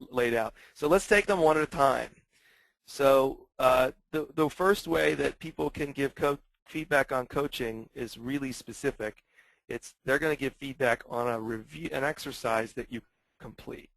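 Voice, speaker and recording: In a rough recording without room sound, a fifties-aged man leads a webinar Q&A for his coaching pilot. Raised in the US by a German-born family, he speaks in a creaky mid-range voice, hesitating and restarting with many ums.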